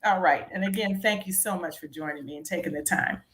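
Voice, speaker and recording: A woman's voice: on the low side, a little fast, fairly bright tone. A woman hosting a casual interview in an effusive, encouraging way. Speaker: interview host.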